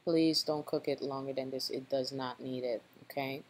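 A woman's voice: very deep voice, steady tone, normal speed. A woman hosting a cooking channel, talking through a recipe step by step and often checking in with "okay?". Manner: instructive, repeats tips with a checking "okay?". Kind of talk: cooking tutorial voice-over.

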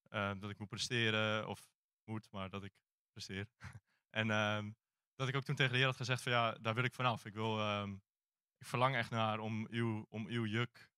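A man, a church elder, giving an informal sermon in a hesitant way, often pausing to search for words. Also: mid-range voice, pushed and bright, smooth, dry recording, clean studio sound.

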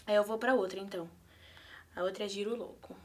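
A young woman with a Brazilian accent, a YouTuber pranking her mother, chats nervously and giggles through a casual prank vlog. Her medium-pitched voice is steady, brisk, and somewhat dark, and she sounds anxious.

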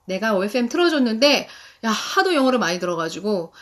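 A woman in her thirties hosting a live-stream guide for parents, talking in an animated way and reading English phrases slowly. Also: a little high.

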